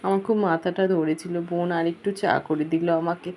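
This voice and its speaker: A woman's voice: on the low side, steady tone, fairly quick, a little mellow. Chatty young woman vlogging at home. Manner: chatty, addresses viewers directly. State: slightly hoarse. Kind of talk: casual family vlog narration. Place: home, indoors.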